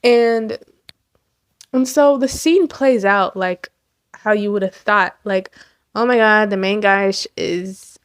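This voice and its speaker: Gushing, excitable woman with a dry sound. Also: medium pitch, slow pace, clean tone, no echo. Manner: gushing, excitable, slang-heavy, laughs often. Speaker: commentary host. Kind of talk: casual movie commentary.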